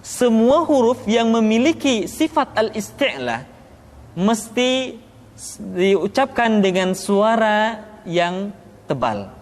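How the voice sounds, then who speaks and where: A man teaching Quranic letter pronunciation, speaking slowly and deliberately, drawing out each demonstrated syllable. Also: high-pitched, animated. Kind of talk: pronunciation lesson. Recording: long reverb, echoey room.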